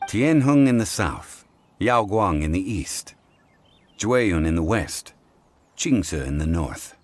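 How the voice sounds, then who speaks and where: A very low, unhurried male voice plays a calm, ancient, scholarly consultant in video game dialogue, heavily acted and composed, with a lively contour yet a steady, measured mood. His delivery is formal and deliberate. The recording has no room sound, with the game score playing faintly and lightly in the background.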